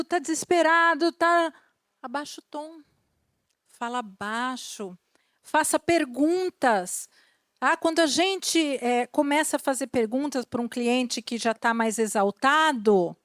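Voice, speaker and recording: A woman's voice: high-pitched, no room sound, studio quality. A middle-aged woman, giving a corporate training lesson and talking straight to her viewers. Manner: animated, addresses the viewers as "gente", often says "né" and "tá".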